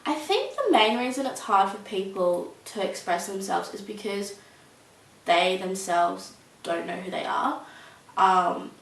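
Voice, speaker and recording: This young woman talks unhurriedly, her medium-pitched, gravelly voice fairly bright and lively in intonation. She's being interviewed and replies casually but hesitantly, leaning on many ums and likes. There's a roomy sound, a faraway mic, and a faint hiss.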